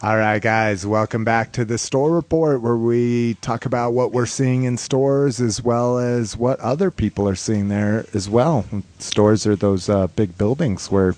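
A man's voice: fairly low pitch, a little mellow. A man hosting a podcast with casual, rambling, informal fan talk. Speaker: podcast host.

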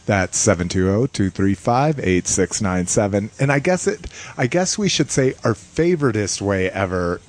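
Chatting casually as a podcast co-host, a man rambles in a self-deprecating way and laughs a lot. He sounds animated, with a fairly low pitch, normal speed, and hardly any pauses.

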